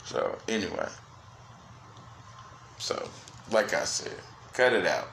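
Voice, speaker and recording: A man hosting a solo sports podcast, cursing freely and swinging between loud outbursts and quiet, low asides. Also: wildly swooping pitch, takes it slowly, gravelly, roomy sound, slight background noise. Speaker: podcast host.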